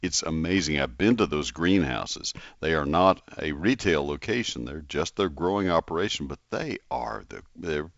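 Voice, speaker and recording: A man hosting a gardening radio show, speaking in a deliberate, instructional way as he spells out and repeats details. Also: extremely low pitch, lively intonation, a bit bright, no room sound, dull audio. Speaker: gardening call-in radio host. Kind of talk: live radio ad reads and caller advice.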